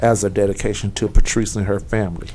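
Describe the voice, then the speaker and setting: A man's voice: lowish voice, level tone, fast talker. A man hosting an internet radio talk show, speaking earnestly and from the heart. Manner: earnest, heartfelt shout-outs.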